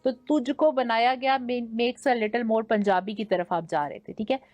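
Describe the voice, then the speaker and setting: A woman's voice: fairly high pitch, a little slow, a little mellow, no room sound. A young woman with a Pakistani Urdu accent, judging a naat competition and giving teacherly feedback that mixes in English words. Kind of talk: judge's critique.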